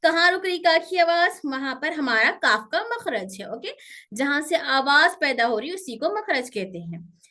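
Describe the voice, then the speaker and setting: A woman teaching pronunciation to children, explaining slowly and drilling sounds by repeating them, strict when pupils misbehave. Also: high voice, sing-song, bright, forceful tone. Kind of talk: online Quran pronunciation lesson.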